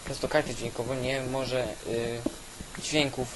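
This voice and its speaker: A man giving casual, halting gameplay commentary, thinking aloud as host on an old weak microphone. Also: medium pitch, flat delivery. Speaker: gaming video host. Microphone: old cheap weak microphone. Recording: constant hiss from weak microphone.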